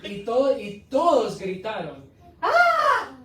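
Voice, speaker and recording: A man, an evangelist, giving an animated testimony sermon full of storytelling and laughs in a church hall. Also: sits high, moderate pace. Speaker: evangelist preacher. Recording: echoey hall from far off.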